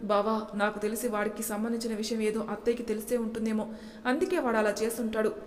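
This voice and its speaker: A woman's voice: on the high side, steady tone, quick pace, close to an everyday voice. A woman voicing a feisty young wife who answers back boldly, in a storybook reading. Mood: persuasive. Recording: echoey room with long reverb.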